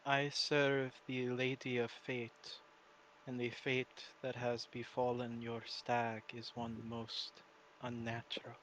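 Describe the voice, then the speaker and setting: A man playing a tabletop game, speaking in character in a measured, formal way. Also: mid-range voice, monotone, fairly bright tone, slight background noise, poor audio. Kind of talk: in-character game role-play.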